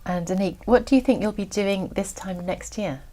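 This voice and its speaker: A woman examiner reading scripted exam instructions in a formal, measured way. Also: mid-range voice, warm tone.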